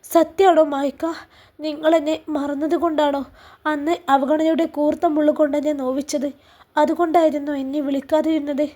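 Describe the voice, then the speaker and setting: A woman's voice: high-pitched, flat delivery, normal speed, mellow, lightly acted. A woman reading a storybook, voicing a hurt young wife who answers tersely and holds back tears.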